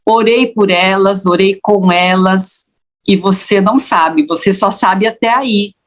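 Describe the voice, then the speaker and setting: A Brazilian woman recounting a personal faith testimony to her pastor. Her telling is animated and expressive. She jumps up in pitch whenever she acts out the lines people spoke. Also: a little slow. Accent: Brazilian Portuguese. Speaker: church member giving testimony.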